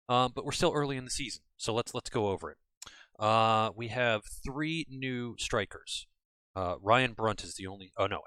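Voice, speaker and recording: Here a U.S. gaming host rambles chattily over a casual at-home let's-play, frequently fixing what he just said. The recording is dry, and his lowish voice comes across pushed and bright.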